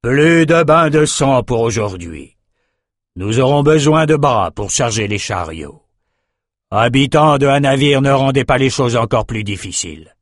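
A man's voice: mid-range voice, animated, measured pace, no echo, studio quality, close to an everyday voice. A man voicing a cold, commanding male raider captain who gives clipped, menacing orders, in a storybook reading.

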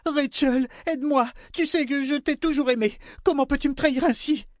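A man reading an audiobook, voicing a vain, cruel queen with a shrill, imperious manner. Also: moderate pace, no echo, clean studio sound. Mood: pleading, furious. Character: vain cruel middle-aged queen, hysterical and haughty.

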